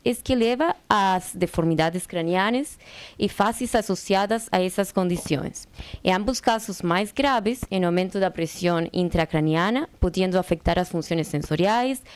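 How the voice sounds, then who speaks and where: A woman's voice: lowish voice, a little mellow, clear, resonant tone. A non-native Portuguese-speaking woman with a foreign accent, carefully reading out a formal medical lecture with small stumbles. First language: not Portuguese. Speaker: medical presenter. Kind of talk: scripted medical lecture, read aloud.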